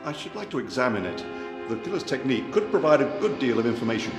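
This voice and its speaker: An actor playing an earnest, courteous Victorian doctor, formal and polite in film dialogue. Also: male voice, mid-range voice, big pitch swings, fast, lightly acted. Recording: reverberant hall sound with music underneath.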